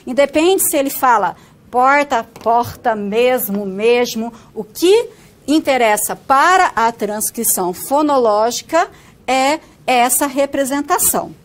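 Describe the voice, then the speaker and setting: High-voiced Brazilian woman teaching phonetics. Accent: Brazilian Portuguese, northern Paraná. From northern Paraná, Brazil. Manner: explanatory, frequent tag questions. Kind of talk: recorded online lecture.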